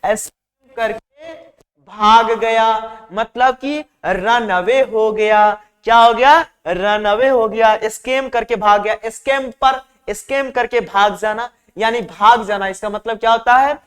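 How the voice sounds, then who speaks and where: A man's voice: high voice, slow. Male vocab tutor, chatty drill style, echoing hall sound. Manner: repetitive call-and-response drilling; warm and chatty with students. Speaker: vocabulary teacher. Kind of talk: exam-prep vocabulary lesson.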